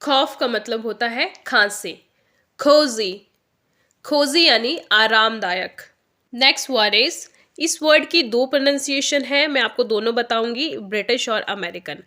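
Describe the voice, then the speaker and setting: A woman leads a vocabulary lesson, her voice bright and a little high. She moves slowly and deliberately, repeating each word with care. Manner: slow, careful word-by-word pronunciation drills. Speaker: English vocabulary teacher.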